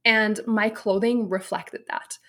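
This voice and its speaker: A woman's voice: medium pitch, steady tone, takes it slowly, bright, forceful tone. A woman in her late thirties from Romania, a personal stylist speaking as a podcast guest, telling her story in an open, reflective way. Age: 30s. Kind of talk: casual interview chat.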